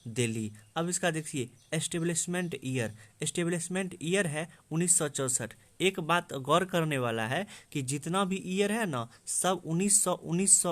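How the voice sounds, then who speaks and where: A man's voice: a little high, a bit bright. A man, teaching exam-prep memory tricks. He drills each fact by asking a question and then answering it himself, repeating the answer several times. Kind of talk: explaining memory tricks to students.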